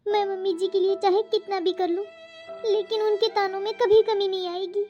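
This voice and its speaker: A woman's voice: very high-pitched, level tone, moderate pace, soft background music. A woman voicing a meek, patient young daughter-in-law in a cartoon, speaking politely and pleadingly. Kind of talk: cartoon voice acting. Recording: dull lo-fi audio.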